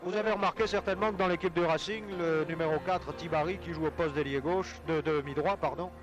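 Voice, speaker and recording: A man's voice: fairly high pitch, steady tone, a little fast, lo-fi sound. A man commentating a match in the manner of an old newsreel announcer, heard through old archival sound. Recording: distant archival newsreel audio with loud music.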